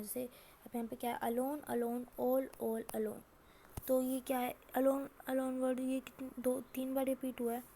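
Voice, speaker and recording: High-voiced woman teaching a class. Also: creaky, mellow, a little hiss or hum. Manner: asks and answers her own questions, reads examples slowly. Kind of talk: classroom lesson.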